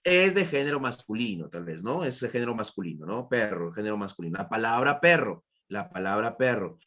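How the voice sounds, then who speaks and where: A man's voice: lowish voice, sing-song, fairly quick, a bit bright. Repetitive man teaching a class. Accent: Peruvian Spanish. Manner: repetitive, questioning students, praising answers. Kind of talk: online class lecture.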